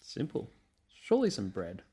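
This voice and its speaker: A man co-hosting a casual book podcast, thinking aloud slowly and laughing often. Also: lowish voice, huge pitch swings, warm tone, husky. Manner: slow, thoughtful, laughs often. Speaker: podcast co-host. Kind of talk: casual book-club chat.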